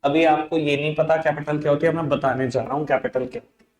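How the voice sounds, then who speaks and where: A man's voice: a little high, fairly even intonation, fast, a little mellow, echoey room, rough recording. A man teaching an accounts class in a classroom, coaxing his students along and mixing into his talk. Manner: coaxing, addresses students as beta and babu. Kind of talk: classroom lecture.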